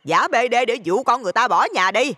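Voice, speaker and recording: A man voicing a shrill, brawling middle-aged mother who shouts insults, with a Southern Vietnamese accent. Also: animated, fast, long reverb tail, heavily acted. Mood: accusing.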